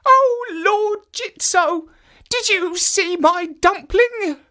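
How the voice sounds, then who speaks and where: A man voicing a funny, fearless little old woman in a children's story, shrill and wailing with stretched-out words. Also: very slow, bright, forceful tone, full character voice. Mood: pleading.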